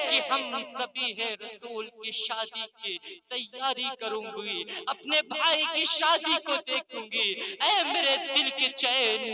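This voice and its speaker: A preacher voicing a pleading young girl. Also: very high-pitched. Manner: pleading, repetitive, emotional. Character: young girl pleading tearfully with her father.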